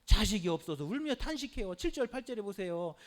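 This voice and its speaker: A middle-aged male pastor preaches a sermon in an animated, brisk way, his voice sitting high. He calls out frequent hallelujahs and poses rhetorical questions to the congregation.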